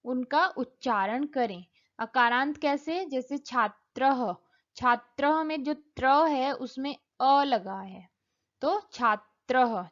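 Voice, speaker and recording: Slow, patient woman teaching Sanskrit. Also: a little high, muffled recording. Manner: spells words out letter by letter, gives Hindi and English meanings. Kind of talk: slow, explanatory classroom lesson.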